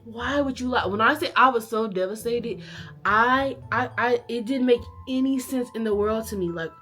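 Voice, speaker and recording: A woman vlogger casually telling a childhood story to camera, animated and acting out family members' lines. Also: fairly high pitch, moderate pace, faint music behind.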